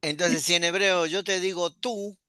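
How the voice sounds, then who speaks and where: A man, a pastor teaching an online class, explaining patiently and repeating words slowly. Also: sits high, steady tone, bright, forceful tone, clear, resonant tone, no echo, clean studio sound.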